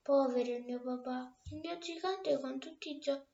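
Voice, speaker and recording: A woman's voice: high-pitched, measured pace, roomy sound, lo-fi sound. A woman voicing a little girl in a storybook reading, pleading and tearful. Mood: tender. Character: small frightened then tender little girl.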